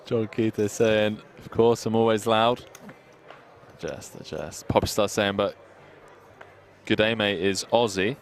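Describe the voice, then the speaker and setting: Deep gravelly male poker co-host. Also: steady tone, takes it slowly, slight background noise. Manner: banters, reads chat aloud. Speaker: poker co-commentator. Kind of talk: live stream commentary.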